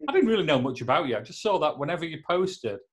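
A man's voice: on the high side, big pitch swings, fast talker. A man hosting a podcast from his home office, chatting casually and joking as he rambles with many fillers. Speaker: podcast host. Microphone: laptop.

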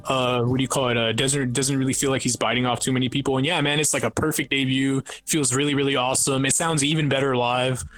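A man's voice: mid-range voice, steady tone, quick pace, few pauses, a bit bright. A man in his twenties chatting casually on a podcast, rambling and often stopping with "what do you call it". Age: 20s. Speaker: podcast guest. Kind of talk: casual chat.

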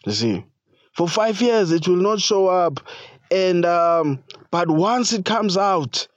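A man preaching a casual sermon as a pastor, halting, with many fillers like "you know" and slangy asides. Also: sits high, animated, no room sound, dull audio.

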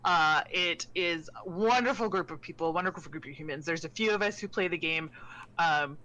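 A woman streamer in casual chat, talking with animated enthusiasm. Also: fairly low pitch, fairly quick, poor audio.

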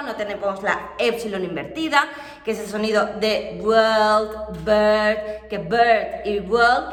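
Chatty, high-voiced teacher in a roomy space. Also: female voice. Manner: chatty, lively, slangy. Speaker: English teacher. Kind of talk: casual online lesson.

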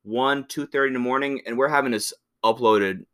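A man's voice: mid-range voice, brisk, a bit bright. A young man co-hosting a podcast, tossing in crude, laid-back jokes. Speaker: podcast co-host. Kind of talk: casual chat.

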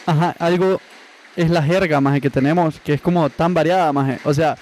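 A man in casual chat among friends, talking in crude slang and filling every pause with a filler word. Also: on the high side, fairly even intonation, darkish tone. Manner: crude, slang-heavy, peppers talk with "maje".

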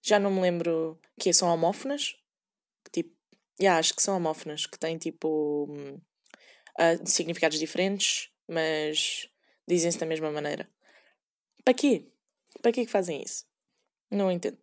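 A woman's voice: low voice, normal speed, long pauses. A young woman with a European Portuguese accent, rambling sarcastically in a casual solo podcast and acting out quoted voices. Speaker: podcast host.

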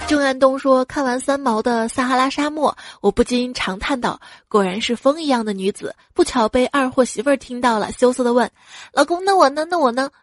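A woman reads funny listener stories as a podcast host. She plays the quoted husbands and wives with little voices. Her voice sits a touch high, recorded dry and close, with faint music behind. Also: fairly quick, hardly any pauses, no echo. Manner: lively, acts out quoted lines, laughs at punchlines. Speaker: host of a comedy jokes podcast. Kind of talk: reading listener jokes with playful voices.

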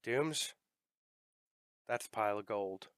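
Low-voiced casual podcast host. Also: male voice, takes it slowly, a bit bright, no room sound. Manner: casual, swears freely. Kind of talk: casual chat while gaming.

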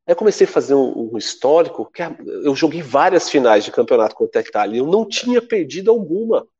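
A Brazilian man in his forties, a guest telling a story in a casual, lively way and acting out what people said. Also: fast, slightly rough, highs cut off. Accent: Brazilian Portuguese. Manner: lively, acts out quoted voices with big pitch jumps. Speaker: podcast guest, former athlete.

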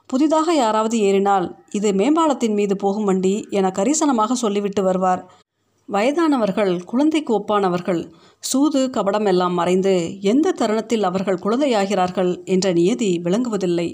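A woman narrating a short story in a steady, reflective reading voice. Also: mid-range voice, normal speed. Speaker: story reader. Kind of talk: scripted narration.

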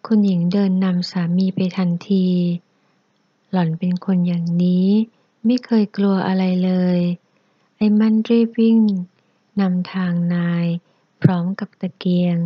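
Woman narrator, steady novel reading; dry, slightly dull audio. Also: mid-range voice, breathy edge, dry recording. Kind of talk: reading a historical novel aloud.

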